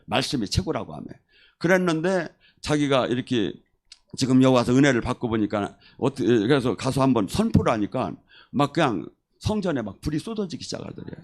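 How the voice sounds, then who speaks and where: A man preaching a sermon as a pastor, telling testimony stories in an animated way and acting out the people he quotes. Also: mid-range voice, brisk. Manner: animated storyteller who acts out quoted voices.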